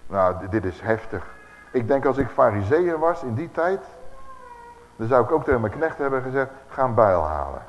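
A man preaching a Bible teaching sermon, animated and putting rhetorical questions to his audience. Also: medium pitch, moderate pace. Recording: echoey hall, dull lo-fi sound, faint hiss.

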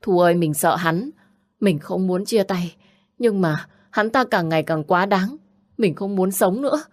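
A woman's voice: sits low, steady tone, quick pace, a little mellow. A woman reading the part of a frightened young woman who speaks in a pleading, distraught way in an audiobook.

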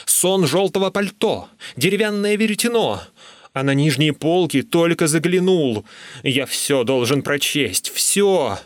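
A man voicing a frantic young writer who pleads and wails in a shrill, raised voice. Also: big pitch swings, normal speed, hardly any pauses, fairly bright tone, no echo, studio quality. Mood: pleading.

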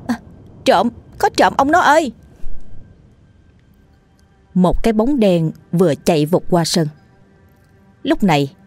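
A woman narrating a ghost story in a steady, suspenseful scripted style. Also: on the low side.

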